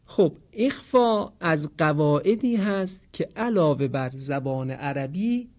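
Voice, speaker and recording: Man teaching Quran recitation rules. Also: fairly high pitch. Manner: explains calmly, then chants examples slowly and drawn out. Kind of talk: teaching lesson with slow recited examples.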